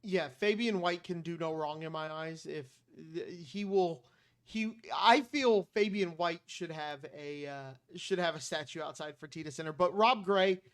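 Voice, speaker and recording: Casting note: male podcast co-host, smooth clear voice, a bit higher, upbeat casual chat. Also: unhurried.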